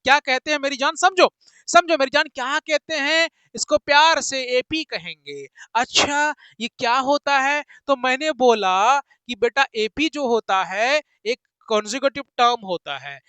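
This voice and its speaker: High-pitched jokey man teaching maths. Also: clear, resonant tone, no echo, poor audio. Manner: jokey, teasing, sing-song, switches between loud and soft. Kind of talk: playful online maths lesson.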